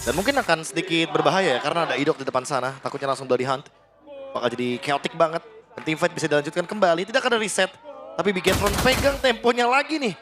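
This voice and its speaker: An Indonesian-accented man gives analytical game commentary. His voice sits high for a man. Music is clearly heard behind him. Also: fast talker.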